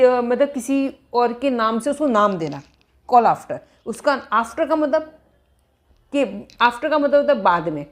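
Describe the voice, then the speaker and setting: Female English tutor explaining phrasal verbs at an unhurried pace, repeating every phrase. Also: mid-range voice. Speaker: English teacher.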